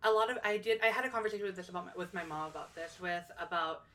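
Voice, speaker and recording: A woman's voice: on the low side, racing, a bit bright, recorded from a distance. A young woman co-hosting a casual podcast, talking thoughtfully with lots of fillers and restarts. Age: young adult. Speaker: podcast co-host.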